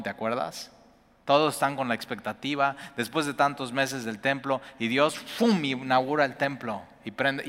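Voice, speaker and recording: A man preaching a sermon as pastor, moving between hushed prayerful quotations and loud excited bursts. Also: mid-range voice, big-room sound.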